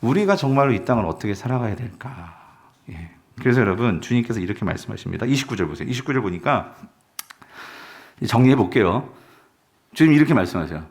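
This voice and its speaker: A male pastor preaching a sermon, animated and constantly questioning his congregation. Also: medium pitch, fast, pauses often. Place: church sanctuary.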